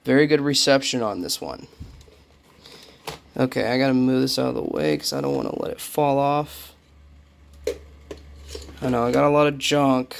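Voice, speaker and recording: In a cramped, cluttered room, a young man gives a relaxed show-and-tell of his radios, wandering off track and fixing his own words as he talks. His mid-range voice is creaky with lively intonation at a normal speed, he pauses often, and there's slight background noise.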